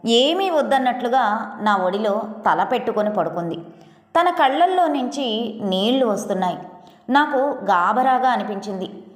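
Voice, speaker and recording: A woman storyteller reads a first-person audio story in a gentle, expressive way. Her voice is fairly high, and it rings with long reverb in an echoey room.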